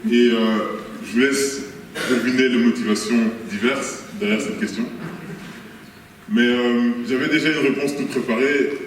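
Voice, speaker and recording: A man's voice: medium pitch, steady tone, slight background noise. A man in his thirties, a young doctor, gives a formal and earnest prepared speech at a conference. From Congo, raised in Belgium. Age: 30s. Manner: formal and earnest, measured delivery. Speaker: young doctor, symposium speaker. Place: large hall with long reverb. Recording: echoey hall audio from far off.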